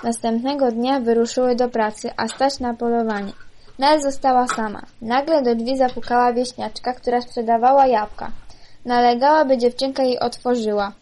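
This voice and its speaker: Woman, fairly high voice, reading a children's fairy tale, unhurried, small stumbles and self-corrections. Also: steady tone, dark tone, slight background noise. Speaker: storyteller.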